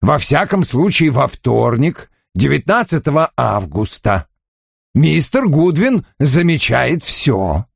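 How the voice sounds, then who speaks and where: A man voicing a stern, commanding male detective who speaks in a dry, measured way. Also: mid-range voice, sing-song, creaky, breathy edge, no room sound, voice pushed up, full character voice. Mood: imperious.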